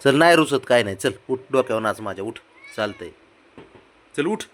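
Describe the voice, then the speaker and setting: A young man, coaxing and sweet-talking his pet cat at home, repeating himself softly. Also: mid-range voice, lively intonation, normal speed, a little hiss or hum. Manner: coaxing, repetitive, soft-spoken with a pet. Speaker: cat owner. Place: home, indoors.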